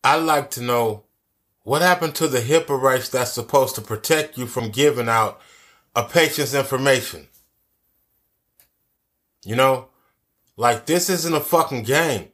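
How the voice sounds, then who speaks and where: A man's voice: medium pitch, a little slow, pauses often, a bit bright. Profane, emphatic man ranting. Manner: profane, emphatic, repeats his key phrases. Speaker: commentary vlogger. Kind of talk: angry social commentary.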